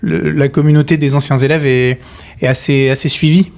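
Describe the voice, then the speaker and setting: A man in his thirties, originally from Nantes, talking casually as a guest in a podcast interview, relaxed and hesitant, with many fillers and restarts. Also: on the high side, fairly quick, creaky. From France, Nantes. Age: 30s. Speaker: guest, company cofounder.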